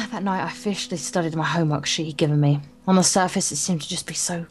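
This woman has a lowish, darkish voice and reads a visual novel's narration aloud while co-hosting a let's play. She stumbles now and then and corrects herself. Guitar music from the game sits behind her.

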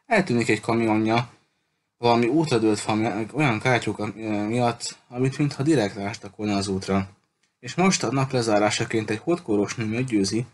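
A man reading a novel aloud in a steady, measured way. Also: on the low side, slight background noise. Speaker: audiobook reader.

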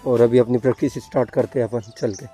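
A man's voice: mid-range voice, level tone, quick pace, dark tone, husky, soft background music. A young man narrating his daily life in a casual vlog, talking into a phone held at arm's length outdoors. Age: young adult. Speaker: vlogger. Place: outdoors, on farm fields and streets.

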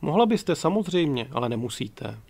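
A man's voice: fairly high pitch, big pitch swings, vocal fry, darkish tone, exaggerated voice. A man reading as a touchy, proud passenger. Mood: sardonic. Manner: offended, indignant.

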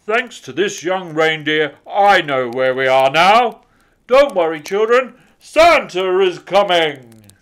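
Booming, hearty Santa Claus. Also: male voice, expressive, clean tone, exaggerated voice. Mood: hearty, rallying. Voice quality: booming, loud. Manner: hearty, exclaiming, drawn-out delivery.

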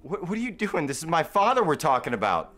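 A man playing a young TV actor, worried and torn, who talks in a halting, pleading way. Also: low voice, soft background music, close to an everyday voice.

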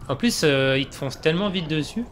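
A man's voice: fairly high pitch, expressive, a little fast, slight background noise. A man casually commentating a video game he plays, joking and chatting with himself. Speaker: let's play gamer. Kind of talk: casual let's play commentary.

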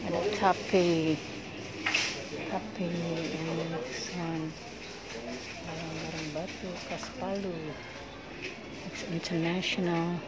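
An Indonesian woman vlogs while shopping in an indoor food shop, filmed on a handheld phone camera. She chats casually and exclaims, switching between English and Indonesian. Her low-leaning voice stays level and extremely slow with long pauses, over loud shop noise.

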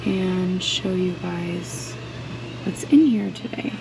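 Her lowish, gravelly voice carries a chatty, admiring shopping vlog filled with ums as the reseller vlogger browses an antique mall. The handheld camera also picks up fan noise in the background.

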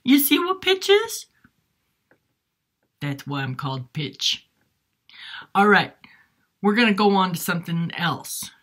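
A woman's voice: mid-range voice, very animated, slow, long pauses, fairly bright tone, exaggerated voice. Give me a woman doing a playful wolf helper who howls. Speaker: music teacher's character. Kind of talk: puppet-style music lesson.

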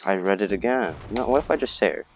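Deep gravelly young gamer guy. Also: fast, a little hiss or hum. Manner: excitable, rambling, playfully self-mocking. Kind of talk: live gameplay commentary.

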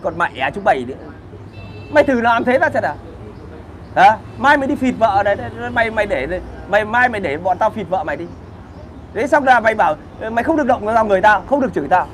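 A man rants in a high, pushed voice, crude and combative. He hosts a casual livestream from outdoors. Traffic and street noise sit loudly behind him. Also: animated, quick pace. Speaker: livestream host answering viewer comments.

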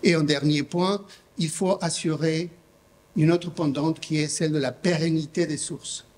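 In a large hall, a middle-aged Mexican publisher talks about his house unscripted, stumbling through fillers and restarts at a desk microphone. He has a fairly high, darkish voice with fairly even intonation and a moderate pace.

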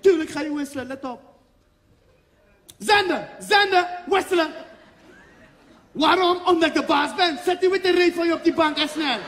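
A man voicing a brash, bossy Surinamese national football coach, with a Surinamese Dutch accent, shouting and laughing. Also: extremely high pitch, moderate pace, pauses often, voice pushed up. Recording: long hall reverb, faint noise.

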